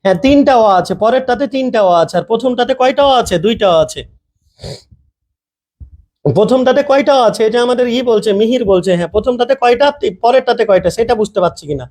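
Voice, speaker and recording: High-voiced man teaching grammar. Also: quick pace, a little mellow. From Bangladesh. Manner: repeats questions to students, checks understanding often. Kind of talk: live online class.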